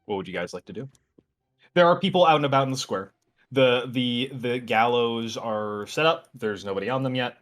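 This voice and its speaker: A man narrating a tabletop game as game master in a measured, descriptive way. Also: mid-range voice, lively intonation, fairly bright tone.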